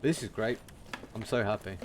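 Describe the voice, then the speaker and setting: A man streaming a game, talking through it in a casual, monotone commentary. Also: lowish voice, normal speed, background noise.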